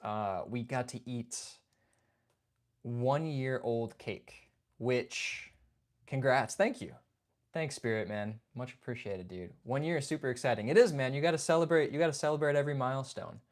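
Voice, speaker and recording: Medium-pitched and moderately paced, a young livestream host keeps a casual chat going with his viewers. He reads their comments and greets them by name, relaxed and talkative, with "man" and "dude" coming up again and again.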